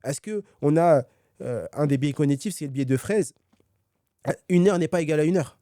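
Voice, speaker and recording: A man's voice: fairly high pitch, animated, moderate pace, mellow, no room sound, clean studio sound. A man being interviewed as a guest author, talking energetically with many fillers and restarts. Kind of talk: conversational podcast dialogue.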